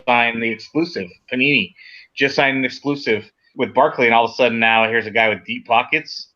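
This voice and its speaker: A man's voice: medium pitch, fairly quick, bright, forceful tone, dull audio. A man co-hosting a casual podcast, chatty and laid-back, laughing easily. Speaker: podcast co-host. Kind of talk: casual chat.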